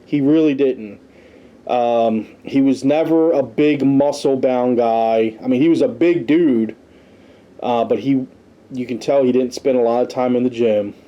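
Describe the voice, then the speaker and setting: A podcast host reviewing wrestling history reads through a list in a casual, conversational way, adding his own asides. His mid-range voice is a little slow, and the recording sounds lo-fi.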